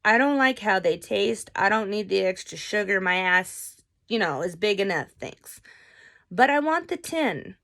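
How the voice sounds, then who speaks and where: A woman voicing a relaxed female teacher in a story, speaking in a casual, conspiratorial way with some vocal fry. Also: mid-range voice, a little slow.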